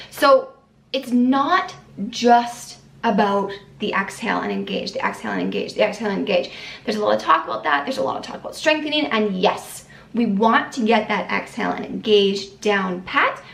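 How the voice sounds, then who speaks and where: A woman's voice: a little high, vocal fry, a bit bright, far from the mic. Woman fitness coach in an echoey room. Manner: upbeat, guiding breaths step by step. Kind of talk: instructional fitness tips to camera.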